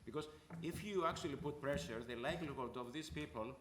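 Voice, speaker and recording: A man's voice: mid-range voice, fairly quick, slight background noise. Greek-born man on an echoey panel. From Greece. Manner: earnest, repeats points for emphasis. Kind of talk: panel discussion.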